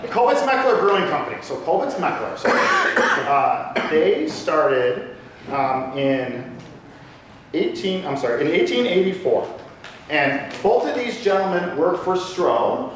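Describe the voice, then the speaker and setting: A man's voice: on the high side, very animated, a little slow, fairly bright tone. Guy giving a laid-back talk to a crowd, jokes around, sounds far off in a big echoey room. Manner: casual, joking, chatty with the audience. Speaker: lecturer on local brewing history. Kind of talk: public lecture with audience questions. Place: lecture room with a live audience. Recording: echoey room, voice from off mic, faint hiss.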